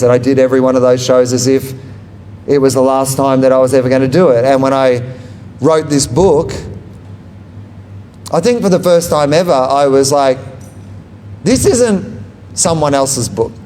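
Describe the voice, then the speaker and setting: A comedian and author gives a live book talk at a bookshop, answering audience questions through a handheld microphone. His mid-range voice is dark and moderately paced with long pauses, and slight background noise is present. He rambles, runs himself down jokingly and laughs at his own lines.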